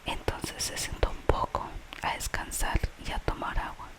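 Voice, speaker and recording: A person telling a gentle bedtime-style tale in Spanish in an unvoiced ASMR whisper, slowly and without hurry. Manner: whispers throughout, slow and unhurried. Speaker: storyteller.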